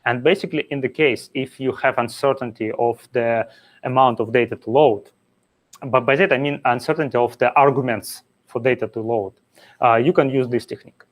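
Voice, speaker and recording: A man's voice: mid-range voice, fairly even intonation, a little fast. Man giving a technical meetup talk. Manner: explains step by step with frequent "uh" fillers. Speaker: conference speaker. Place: meetup venue.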